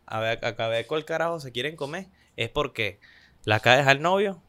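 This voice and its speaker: Animated Venezuelan man telling stories. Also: brisk, no room sound. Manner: animated storytelling, acts out quotes in higher voices. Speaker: podcast co-host. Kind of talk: casual chat.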